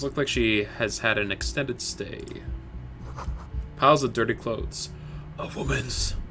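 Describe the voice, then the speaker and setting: A man streaming a video game, reading its story aloud with playful quick asides. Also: medium pitch, fairly bright tone, a little hiss or hum.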